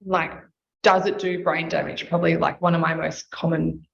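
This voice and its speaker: Woman with a gravelly, lowish voice. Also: level tone, moderate pace. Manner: explanatory, sets out points in lists. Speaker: sleep and nutrition consultant. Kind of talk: expert explaining in casual interview. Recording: slightly dull audio with faint noise.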